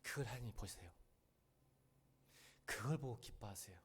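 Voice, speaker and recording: A man's voice: fairly low pitch, moderate pace, husky. A middle-aged man preaching as a pastor, questioning the congregation and urging them to listen closely. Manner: animated, questions and addresses the congregation. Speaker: senior pastor. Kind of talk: sermon at a midweek church service. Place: church.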